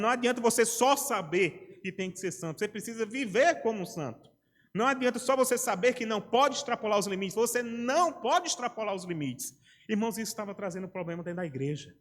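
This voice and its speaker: Middle-aged man, Ceará accent, pastor delivering a conversational sermon in a reverberant church hall. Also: high voice. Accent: Brazilian Portuguese, Ceará. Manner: conversational preaching, acting out little dialogues. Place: church sanctuary.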